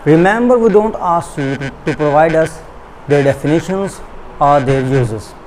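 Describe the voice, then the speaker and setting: A man with a Pakistani accent teaching English in a recorded online lecture, shifting between slow, deliberate English and quicker Urdu explanations. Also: fairly high pitch, lively intonation, darkish tone, slight background noise, poor audio. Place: school classroom or studio.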